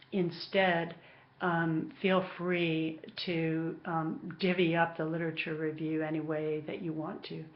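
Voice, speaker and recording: Woman course instructor, pensive and halting, flat intonation, unhurried pace, muffled lo-fi audio, informal class update. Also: sits low. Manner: hesitant, pausing, thinking as she speaks. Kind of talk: informal recorded class announcement.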